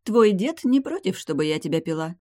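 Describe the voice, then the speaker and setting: A high, mocking young vampire lady from an audiobook, as a male reader puts her on. She taunts with smug, teasing confidence. The sound is close and dry. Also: big pitch swings, brisk, warm tone, no room sound. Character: haughty young female vampire noblewoman, mocking.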